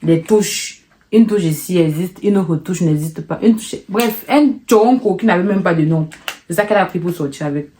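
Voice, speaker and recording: A young woman telling a personal story in a casual vlog, animated and emotional, repeating words for effect. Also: fairly low pitch, normal speed.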